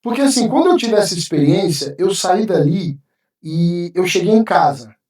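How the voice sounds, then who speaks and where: A man's voice: sits high, lively intonation, moderate pace, darkish tone. Male pastor, heartfelt storyteller, recorded from a distance in a live room. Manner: emotional, vivid storytelling, acting out his own past words. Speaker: pastor, podcast guest. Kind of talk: personal testimony in a podcast interview. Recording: roomy sound, mic at a distance.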